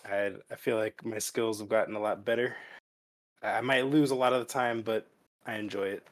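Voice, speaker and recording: A man's voice: fairly low pitch, steady tone, fairly quick. A man co-hosting a casual podcast, talking eagerly and stumbling over the first words of his sentences. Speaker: podcast co-host. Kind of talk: casual chat.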